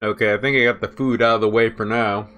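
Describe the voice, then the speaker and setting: Man, bright tone, casual livestream host, halting speech full of fillers. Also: lowish voice, steady tone. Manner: halting, many fillers, eating while talking.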